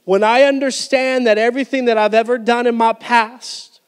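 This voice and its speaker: A man's voice: extremely high pitch, fairly even intonation, moderate pace, smooth. A man in his thirties preaching a sermon on a church stage into a handheld mic, with emphatic delivery and frequent restarts. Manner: emphatic preaching with repeated restarts, gesturing while speaking. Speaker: pastor. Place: church stage, indoors, medium-sized hall. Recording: hall with long reverb.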